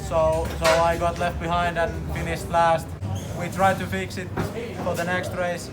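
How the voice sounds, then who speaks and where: A man giving a halting, informal post-race report in simple as a driver. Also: a little high, completely flat delivery. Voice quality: non-native English with simple phrasing. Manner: halting, repeats words. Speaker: racing driver. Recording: very noisy outdoor racetrack with vehicles.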